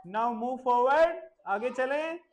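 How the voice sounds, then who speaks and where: Very slow, patient male teacher. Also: very high-pitched. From India. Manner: slow, repeats and spells words letter by letter. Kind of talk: classroom vocabulary lesson.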